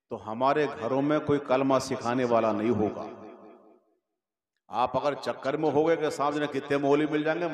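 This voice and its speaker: A man's voice: mid-range voice, big-room sound. An older man preaching to a gathering in Hindi with a Bhojpuri-region accent, exhorting, repeating phrases and asking the crowd questions. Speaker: Islamic preacher. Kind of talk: religious speech to a gathering. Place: open gathering on a raised stage. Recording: crowd audible at a public gathering.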